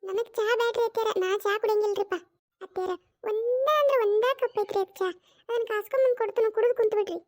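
A pestering young daughter-in-law in a cartoon comedy skit, voiced by one performer who plays both parts. She pleads over and over in a North Karnataka Kannada accent. Her voice is tiny and high and rattles along fast. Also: fairly even intonation, darkish tone. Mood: coaxing. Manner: coaxing and insistent, repeats pleas.

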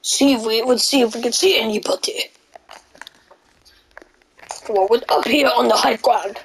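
A woman narrating her own moves during VR gameplay, excitable and prone to sudden shrieks. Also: fairly high pitch, moderate pace, gravelly, slightly rough, poor audio. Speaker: gaming channel host. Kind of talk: VR gameplay commentary.

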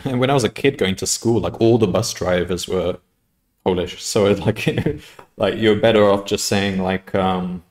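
At his home desk, a coding livestreamer from the United Kingdom, a man in his thirties, talks in a relaxed, meandering way, catching his own mistakes and frequently breaking into laughter. He has a deep voice and speaks at a normal pace.

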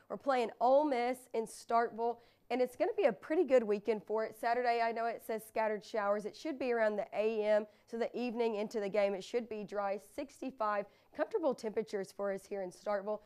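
A woman's voice: fairly high pitch, fairly quick, few pauses, darkish tone, clear, resonant tone. A young American woman presenting an ad-libbed television weather forecast in a studio. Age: young adult. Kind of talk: semi-scripted TV weather forecast, ad-libbed over maps. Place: indoor TV studio with green screen.

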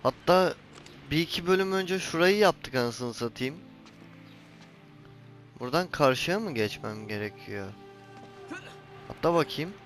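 A man's voice: a little high, expressive, unhurried, pauses often, a bit bright, soft background music. Exasperated man commentating his gameplay. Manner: exasperated, scolds the game character and swears at the camera. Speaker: gaming channel host. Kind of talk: let's play commentary.

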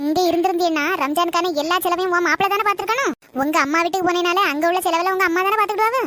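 A woman's voice: extremely high pitch, racing, a bit bright, slight background noise. A woman playing a meddling, gossipy old grandmother in a comedy skit. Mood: scheming.

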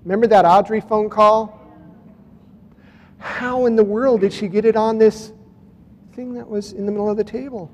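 A man's voice: high voice, fairly even intonation, moderate pace, long pauses, a little mellow, in a large hall, slight background noise. A man telling his story to a conference audience in a casual way, reading out dates and talking to the crowd. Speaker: speaker at a UFO conference. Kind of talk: conference talk presenting photos and clips. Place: conference hall.

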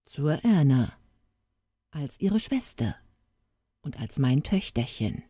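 A woman reading the lines of a kind middle-aged gentleman in a storybook, speaking softly and tenderly. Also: deep voice, big pitch swings, takes it slowly, slightly rough, no room sound, studio quality, heavily acted. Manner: soft, tender speech.

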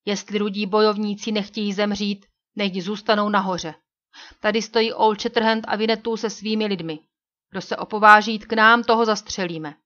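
A bold male frontier hero barks firm, clear orders, as a woman reading an audiobook takes on his voice. He sounds calm and certain of himself. The recording is a little dull and lo-fi. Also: mid-range voice, natural voice. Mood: commanding.

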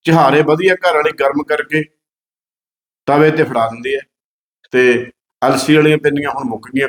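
Combative commentator, higher male voice, roomy echo. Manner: combative, repetitive, rhetorical questions. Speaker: political commentator. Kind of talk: fiery political monologue.

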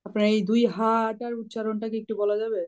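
Quick flat-voiced student on a call. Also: medium pitch. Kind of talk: asking in class. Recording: dull distant call audio.

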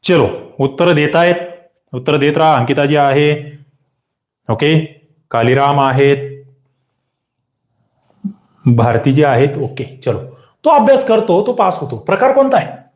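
A man teaching a live online exam-prep grammar class, quizzing viewers, repeating questions and pushing for quick answers. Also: on the high side, lively intonation, echoey room.

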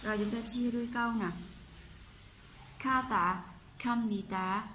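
A woman with a Vietnamese accent, a Korean teacher explaining textbook exercises and patiently repeating each example sentence slowly. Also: a little high, fairly even intonation, pushed and bright, slight background noise.

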